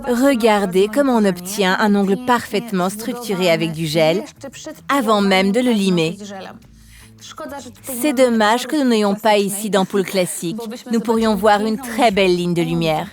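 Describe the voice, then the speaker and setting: A woman nail instructor explains a technique step by step in a chatty, instructional demo style. She speaks at medium pitch and normal speed, with music playing behind her.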